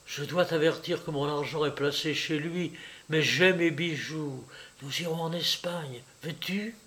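A man reading an audiobook, voicing a passionate, nervous young woman who switches between hushed urgent whispers and bright raised chatter. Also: fairly high pitch, moderate pace, close to an everyday voice.

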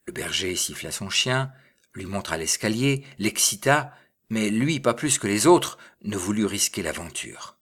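A man narrating a story aloud in a measured, expressive reading. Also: on the low side, husky. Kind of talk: audiobook reading.

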